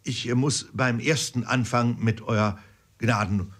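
A man's voice: medium pitch, steady tone, unhurried, a bit bright. A man reading an audiobook, voicing an eager old army corporal who barks his words like drill commands. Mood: shouting drill.

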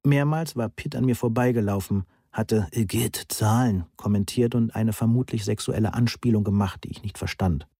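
Male audiobook reader, low and husky, dry close recording, measured first-person narration. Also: mellow, dry recording.

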